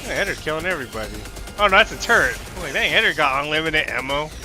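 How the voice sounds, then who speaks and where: A man playing a video game as a newcomer, chatting casually and blurting out excited reactions, his voice sounding as if inside a helmet. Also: on the high side, very fast. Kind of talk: casual gameplay chat and reactions. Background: game music, gunfire and explosions.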